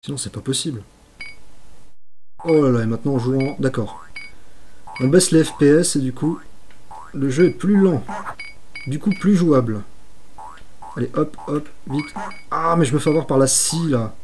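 A man's voice: mid-range voice, moderate pace, pauses often, faint music behind. A man giving live commentary as he plays old games on stream, exclaiming at his mistakes and joking about himself. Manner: excitable, exclaims and talks to himself while playing; self-mocking asides.

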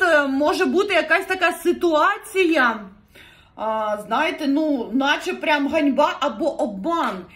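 A woman's voice: high-pitched, fairly bright tone. A woman giving a casual tarot reading to viewers, chatty and earnest, with frequent laughs and filler words. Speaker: tarot reader.

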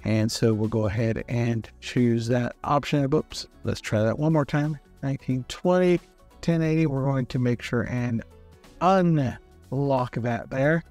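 A man calmly explaining software step by step in a screen-recorded tutorial, in a relaxed, friendly way. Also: medium pitch, unhurried, soft background music.

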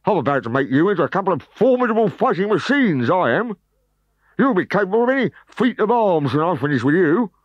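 A man reading a storybook, voicing a huge, mean male gladiator trainer in a very high, loud, snarling voice. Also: measured pace, no echo, close to an everyday voice. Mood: menacing. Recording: dull, dry recording.

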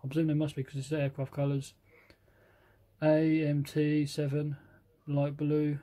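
A British man casually reviewing a box of model paints, reading out colour names haltingly and admitting he can't pronounce some. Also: a little high, completely flat delivery, dark tone.

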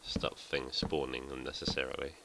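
A man's voice: rumbling low, flat delivery, normal speed, gravelly, very noisy. A man giving casual, rambling gameplay commentary as a let's play host, thinking aloud and poking fun at himself.

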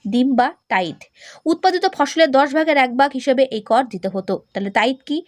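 A woman's voice: high voice, animated, brisk, no room sound, studio quality. A woman teacher giving a classroom lecture. She explains each point, then quizzes the listener with repeated questions.

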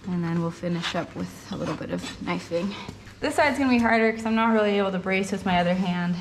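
A young adult woman with a mid-range voice talks through hoof trimming casually and hands-on, pausing in short phrases as she works. She's in an indoor barn on concrete, surrounded by the clear rasp and clatter of her tools.

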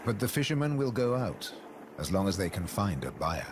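A man reading scripted nature documentary narration in a measured way, with dramatic pauses for emphasis. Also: on the low side, big pitch swings, heavy background noise. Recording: loud music under studio narration. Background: prominent music.

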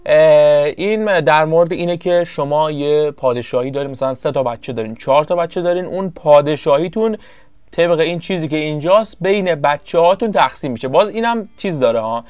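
A man giving casual, rambling commentary over his own strategy game session, often pausing to search for the right word. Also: fairly high pitch, a little mellow, clear, resonant tone, dry recording. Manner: chatty, rambling, searches for words. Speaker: gameplay commentator.

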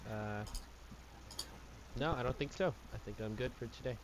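A man playing a tabletop game, speaking quietly and politely with hesitations. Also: medium pitch, normal speed, poor audio. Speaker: player. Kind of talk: casual tabletop game chat.

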